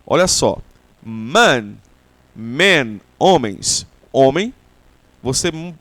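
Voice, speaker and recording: A Brazilian man with a Brazilian Portuguese accent, an English teacher giving a language lesson and explaining slowly with repeated example words. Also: medium pitch, smooth, no room sound.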